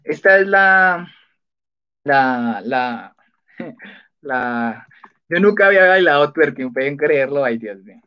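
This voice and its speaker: Hosting a relaxed spelling quiz on a live stream, a man reads out answers with plenty of chatter and laughter. He speaks slowly and pauses often, his fairly high voice animated, clear and resonant. Sound quality is dull and lo-fi.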